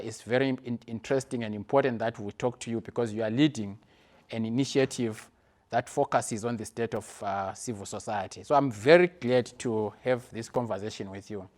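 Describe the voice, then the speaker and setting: A middle-aged man hosting a podcast, asking questions in a measured way with some fillers. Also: on the low side, a little mellow. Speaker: podcast host. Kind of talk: interview.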